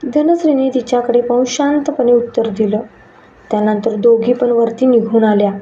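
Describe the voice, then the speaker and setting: A woman's voice: a little high, steady tone, normal speed, mellow, slight background noise. A woman reading a scripted story aloud, giving each character a lightly shifted voice. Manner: reads dialogue lines in lightly shifted voices. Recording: muffled and echoey room.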